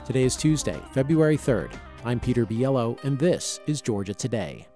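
An American man reads scripted news as a program host. His voice is soft-edged and mellow at a middle pitch, with light music underneath. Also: sing-song, normal speed.

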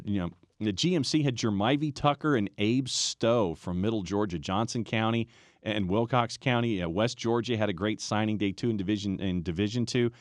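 A man co-hosting a casual high school football podcast, talking in a rambling way with restarts and fillers. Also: no room sound, clean studio sound. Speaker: podcast co-host. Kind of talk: casual sports podcast chat.

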